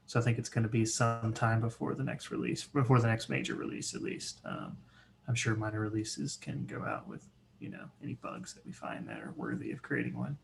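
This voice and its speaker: A man's voice: on the low side, expressive, a little fast, gravelly. A man casually facilitating a work meeting on a call. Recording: faintly noisy meeting call.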